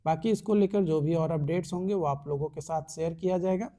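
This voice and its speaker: In a slightly high, mellow voice, a young man with an Indian accent walks through English rules one at a time for an online exam-prep class, speaking slowly in a blend of Hindi and English.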